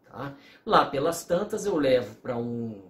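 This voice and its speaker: A man's voice: mid-range voice, very animated, a little slow, a bit bright, echoey room. A man teaching a recorded law lecture, explaining through worked examples and acting out bits of quoted dialogue. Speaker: law professor.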